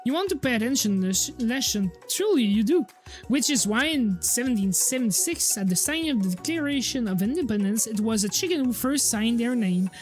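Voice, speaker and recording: A woman's voice: a little high, lively intonation, brisk, a little mellow, soft background music. A woman streamer reading a visual novel aloud in a playful way and laughing often.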